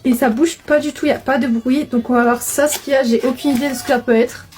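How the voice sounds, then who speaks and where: A woman's voice: high voice, steady tone, quick pace, darkish tone, soft background music. A young woman chatting casually as she opens an advent calendar, chatty and gushing with many fillers. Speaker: beauty vlogger. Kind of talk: casual unboxing chat.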